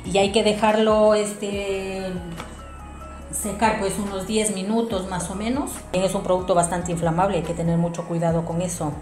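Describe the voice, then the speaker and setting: This informal, hands-on craft tutorial comes from a woman in a small indoor domestic space who talks viewers through every step. Her delivery is flat and normal-paced, in a slightly mellow mid-range voice. Music plays under a roomy, echoing sound.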